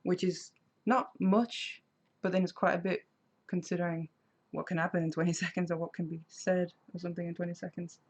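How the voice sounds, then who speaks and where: Gravelly-voiced woman chatting on stream. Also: fairly low pitch, steady tone, brisk. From Denmark. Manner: chatty, reads out viewer comments and answers them. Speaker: craft live streamer. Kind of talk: casual live stream chat while crafting. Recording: slightly dull lo-fi sound.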